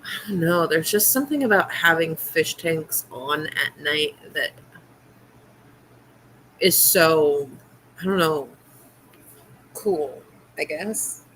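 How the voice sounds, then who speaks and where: Late at night, a livestream host chats casually from her home room, its light coming from fish tanks. Her voice is low, a bit bright and expressive, and she goes slowly with long pauses, wandering hesitantly through fillers and half-finished thoughts. The audio is poor and carries a slight hiss or hum.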